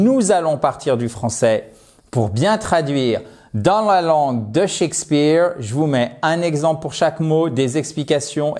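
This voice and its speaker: A man teaching English vocabulary in a lesson, lively and enthusiastic, repeating words slowly for pronunciation. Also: fairly high pitch. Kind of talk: language lesson.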